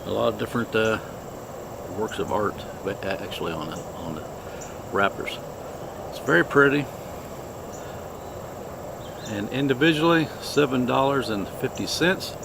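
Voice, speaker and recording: A man hosting a casual product review, talking in an unhurried, halting, plainspoken way. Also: lowish voice, creaky, noisy background. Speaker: cigar review host.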